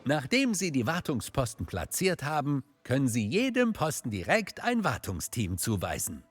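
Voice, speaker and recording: An actor playing a genial, joking park guide in a video game, with a jaunty, self-deprecating manner. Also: male voice, medium pitch, very animated, normal speed, faint music behind. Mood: instructive. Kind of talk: scripted video game character dialogue.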